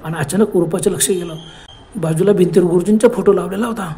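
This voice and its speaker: Male horror storyteller, high voice, mellow tone, conversational. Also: quick pace, a little hiss or hum.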